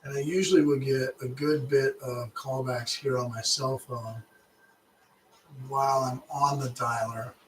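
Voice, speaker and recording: A man's voice: mid-range voice, steady tone, a little slow, recorded from a distance, a little hiss or hum. A man, a real estate agent chatting casually and making live calls, restarting his phrases and laughing easily. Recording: echoey room, voice off-mic.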